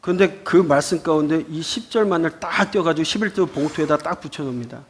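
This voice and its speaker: A man's voice: a little high, fast, husky. A man teaching a Bible school lecture, explaining scripture with rhetorical questions.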